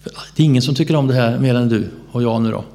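A preacher with a mid-range voice shares his personal faith testimony as an animated storyteller. He acts out the dialogue of the people in his story and laughs now and then.

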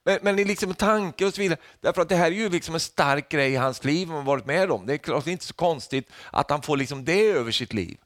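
A man preaching a sermon, lively and humorous, often tagging lines with a questioning "va?", and rising to loud calls when he quotes. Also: on the high side, few pauses, no echo, studio quality. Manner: rises to loud calls when quoting Jesus.

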